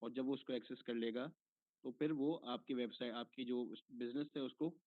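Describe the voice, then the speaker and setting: A man teaches an online course over a tinny, phone-like line, walking a student patiently through their questions step by step and checking in after every point. He speaks at a normal speed in a mid-range voice with fairly even intonation. There is no echo.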